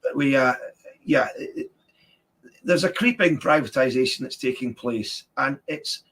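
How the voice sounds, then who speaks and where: A man's voice: mid-range voice, unhurried, a bit bright. A man earnestly explaining policy in detail in a political interview, sometimes stammering on the start of words. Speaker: election candidate being interviewed.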